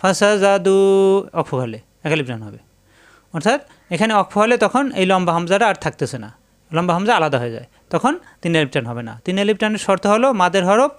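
A man teaching Quran recitation rules step by step. He explains each rule over and over and then chants the words in long, drawn-out tones. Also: sits high, very animated, fairly bright tone. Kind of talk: tajweed lesson, explaining and demonstrating recitation.

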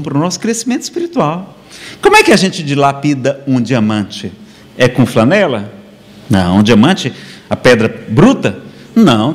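A man with a Brazilian accent giving a spiritual lecture to a live audience, conversational and humorous, constantly tagging his sentences with rhetorical questions. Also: mid-range voice. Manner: rhetorical questions, frequent "não é?" tags; lively, conversational preaching with humor. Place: lecture hall before an audience.

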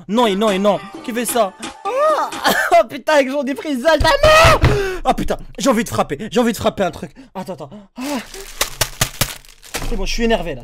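Excitable young man mocking a music video. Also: high-pitched. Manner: excitable, mocking, laughs often. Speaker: YouTuber reacting to a music video. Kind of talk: reaction video commentary.

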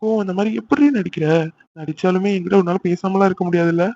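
Guy doing a playful teasing young husband, cartoon, rattles along fast, muffled audio. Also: high voice, fairly even intonation, a little mellow, a little hiss or hum. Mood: coaxing. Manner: teasing, coaxing. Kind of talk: cartoon voice acting.

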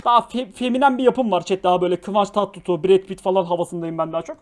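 Man, young adult, high-pitched, loud exclaiming streamer, swears, mock-scolds, desk mic. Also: fairly even intonation, fast, over music. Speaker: live streamer. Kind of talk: live-stream reaction commentary.

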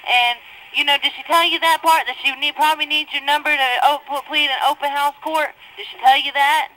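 Her voice high, pushed, and bright, a jailed woman talks a little fast with fairly even intonation. She's agitated and profane, speaking over her mother in a dispute about her court case. The jail telephone recording is low quality.

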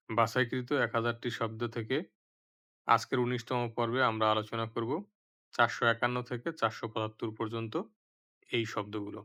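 A man teaching vocabulary, saying each word twice with careful, clear pronunciation. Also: medium pitch, pushed and bright. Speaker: language teacher. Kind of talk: slow vocabulary lesson.

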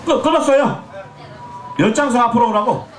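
Jeolla guy in his 40s doing pumba comedy at a festival, joking with the crowd, throat a bit scratchy, high lively voice through echoey PA. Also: normal speed. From Jeolla, Korea. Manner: joking, teasing, chatty with the audience. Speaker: pumba street performer. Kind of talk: comic stage banter with the crowd. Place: outdoor festival stage.

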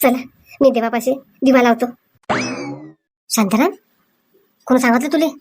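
High-pitched woman scolding in a comedy sketch. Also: normal speed, darkish tone, slight background noise. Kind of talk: comic sketch acting.

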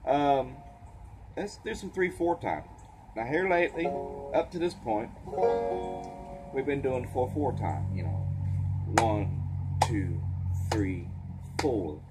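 A man teaching a clawhammer banjo lesson, a little tired, counting beats aloud in a relaxed, casual way. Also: mid-range voice, slow, pauses often, loud music behind the voice, low-quality recording. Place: porch. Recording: banjo playing behind.

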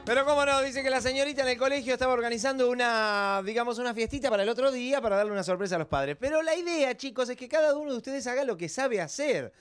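A man with an Argentine accent telling jokes on a TV show, acting out characters in squeaky voices. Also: fast talker, hardly any pauses, clean tone, soft background music. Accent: Argentine Rioplatense. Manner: animated, acts out characters in high squeaky voices. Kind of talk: stand-up joke telling on TV. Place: TV studio.

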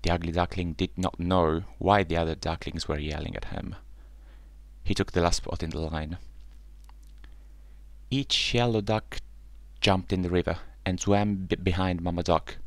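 A man reading a children's bedtime story aloud in a gentle, unhurried way. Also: low voice, fairly even intonation, no room sound.

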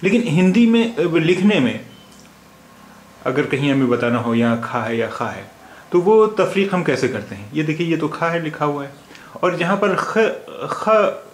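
A man's voice: fairly high pitch, big pitch swings, moderate pace, roomy sound, slight background noise, low-quality recording. A man teaching a language lesson, patiently spelling out letters and repeating their sounds. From India. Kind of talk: slow spoken lesson.

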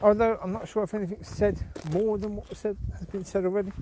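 A man's voice: high voice, level tone, fast talker, warm tone, slight background noise. A man chatting casually as he walks his dogs outdoors along a countryside path, rambling and often restarting or trailing off. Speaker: vlogger and dog owner. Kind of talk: walk-and-talk vlog.

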